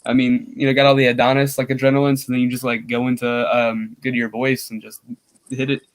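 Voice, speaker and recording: Young man, casual stream chat, rambling, lots of fillers, average pitch. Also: level tone, fast talker, a little hiss or hum. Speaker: livestream co-host.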